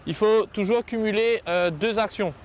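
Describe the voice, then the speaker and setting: A man's voice: high voice, normal speed, slight background noise. A male firefighter explaining his job while at work, recorded on location. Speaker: airport firefighter. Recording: outdoor location with vehicle ambience.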